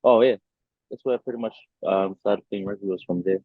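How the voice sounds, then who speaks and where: A man's voice: lowish voice, fairly quick, dry recording. A young man from New Zealand, a rugby player answering interview questions casually with lots of fillers over a video call. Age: young adult. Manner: relaxed, many fillers and restarts. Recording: dry tinny video call audio.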